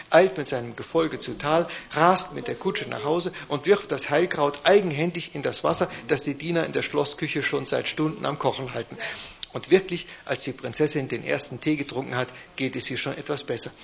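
A man reading a children's fairy tale aloud in a lively, expressive way. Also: a little high, moderate pace, vocal fry. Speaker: storyteller. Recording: dull lo-fi recording.

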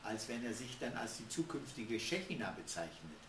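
Bible study participant, male, soft-spoken, slight background noise. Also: mid-range voice, very animated, moderate pace. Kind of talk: group discussion.

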